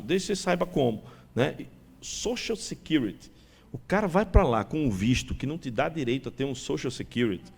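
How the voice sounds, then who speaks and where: A man giving a talk to an audience, animated and chatty, addressing his listeners over and over. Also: on the high side, gravelly. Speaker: business speaker.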